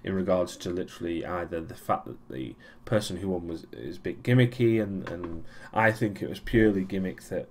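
A man's voice: sits low, a little fast, hardly any pauses, a little mellow, a little hiss or hum. A young man giving a casual weekly vlog recap, rambling with many ums and restarts and a dry, sarcastic streak. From Europe. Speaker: vlogger.

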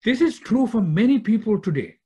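Older man from Sri Lanka, interview guest; husky tone, dull lo-fi call audio, reflective. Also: high voice, sing-song, a little fast, warm tone. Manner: thoughtful, repeats words while searching for phrasing, gestures with hands. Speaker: guest, executive director of a peacemaking institute. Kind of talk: conversational interview on a video call. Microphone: computer microphone on a video call.

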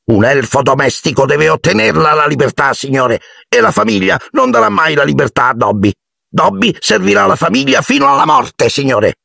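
A man reading an audiobook and voicing a tearful, servile male house elf with a piercing, squeaky voice that wails and grovels. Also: big pitch swings, normal speed, gravelly, bright, forceful tone, dry recording, studio quality, heavily acted. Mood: pleading. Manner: groveling, overwrought, wailing. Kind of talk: audiobook character voice.

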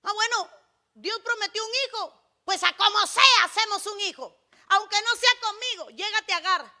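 A woman's voice: extremely high pitch, normal speed, bright, forceful tone, voice pushed up, exaggerated voice. A woman preacher voicing an impulsive, stubborn old woman in a sermon. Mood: scheming. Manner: brash, impulsive.

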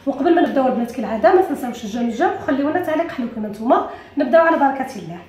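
A woman with an Algerian Arabic accent teaching a sewing tutorial, talking quickly to viewers and often correcting herself. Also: sits high, a little mellow, roomy sound. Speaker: sewing instructor. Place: room at a cutting table.

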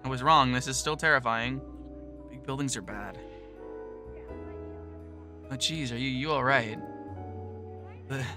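A man's voice: medium pitch, measured pace, long pauses, over music. A man narrating a visual novel in the first person, in a nervous, self-deprecating tone.

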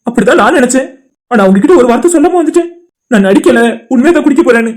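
A performer voicing a heartbroken, guilt-ridden young man in an animated cartoon drama, talking in a tearful, pleading way. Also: high voice, very fast.

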